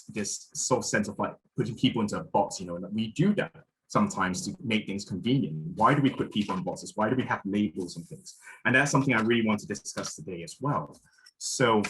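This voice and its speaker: A man's voice: lowish voice, fairly bright tone, rough recording. Man from Malaysia chairing a symposium. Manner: thoughtful, frequent fillers and restarts. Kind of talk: spoken conference introduction.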